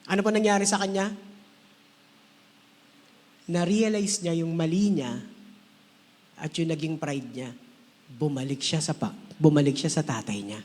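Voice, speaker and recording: A man preaching a sermon in a relaxed, conversational way, now and then acting out the voices of the people he quotes. His voice sits fairly high. The room gives it a long, ringing reverb. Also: measured pace, long pauses. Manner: conversational, mixes English phrases, acts out quoted voices. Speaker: pastor.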